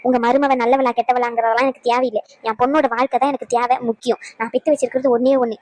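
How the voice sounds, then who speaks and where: A woman's voice: sits high, no room sound. A woman playing a scolding, protective mother. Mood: indignant. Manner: scolding, indignant. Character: stern, protective bride's mother. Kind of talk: cartoon voice acting.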